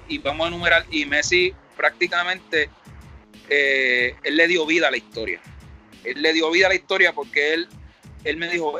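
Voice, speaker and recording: Reflective Puerto Rican rapper, bright voice. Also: male voice, on the high side. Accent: Puerto Rican Spanish. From Puerto Rico. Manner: rambling, reflective, acts out quoted dialogue. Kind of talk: casual interview storytelling.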